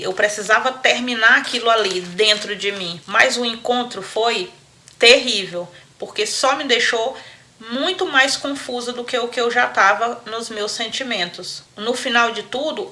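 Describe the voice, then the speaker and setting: A woman host retells a listener's story, breaking off for chatty asides to her audience as friends. Her voice is bright and clear, sitting slightly high. She is animated and laughs easily.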